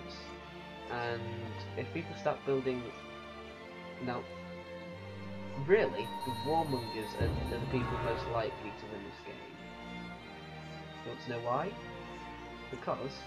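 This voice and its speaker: A man giving unscripted commentary on a strategy game, thinking aloud in a halting way. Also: medium pitch. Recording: muffled lo-fi recording with music. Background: music.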